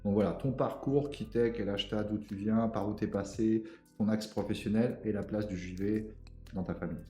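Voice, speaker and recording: A male podcast host talks casually with a guest, piling several questions into one turn. His voice is low and mellow. It comes through with a noticeably roomy echo. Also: steady tone, moderate pace, soft background music. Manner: informal, piles up several questions at once. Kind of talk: casual interview chat.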